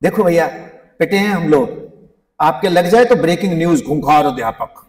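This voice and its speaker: A man in his fifties, a physics teacher giving a humorous, animated motivational talk to students, mixing English phrases into his speech. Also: on the high side, moderate pace. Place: large school hall. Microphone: handheld mic, recorded from a distance. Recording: echoey hall, distant mic.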